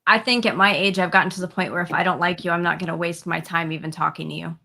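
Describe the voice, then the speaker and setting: A woman hosts a casual interview and speaks frankly and bluntly. Her voice is gravelly and bright, and it sits a little low for a woman. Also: steady tone, quick pace. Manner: frank, outspoken. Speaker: host.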